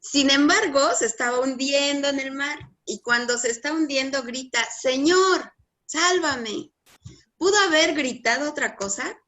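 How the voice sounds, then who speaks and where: A woman's voice: high voice, fairly even intonation, normal speed, few pauses, pushed and bright. A woman leading a Bible study discussion, asking the group questions and briefly acknowledging each answer.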